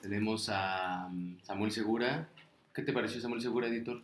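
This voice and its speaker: Brief: low-pitched podcast host, relaxed, echoey room. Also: male voice, a little fast. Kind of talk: casual podcast chat.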